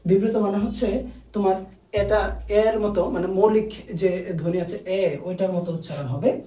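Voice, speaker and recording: A teacher giving a recorded grammar lesson, answering their own questions, checking in with "okay?" and repeating key words slowly. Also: medium pitch, dark tone, recorded from a distance. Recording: echoey room, voice off-mic.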